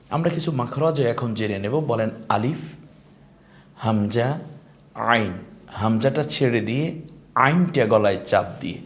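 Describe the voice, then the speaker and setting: Slow, patient male Quran teacher. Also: lowish voice. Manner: patient teaching, drawn-out Arabic letter sounds; encouraging, addresses students politely. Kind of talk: online Quran recitation lesson.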